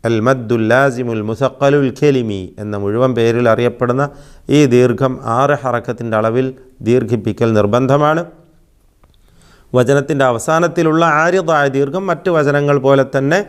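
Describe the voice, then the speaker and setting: Male teacher, patient recitation lesson, smooth resonant tone, drawn-out examples. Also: mid-range voice. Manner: patient explaining, drawn-out demonstrations. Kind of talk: religious lesson.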